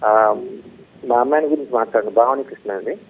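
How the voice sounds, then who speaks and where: A man calling in as a father, polite and deferential, who talks quickly. He is heard through a thin, tinny phone line. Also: medium pitch, breathy edge. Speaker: caller, father.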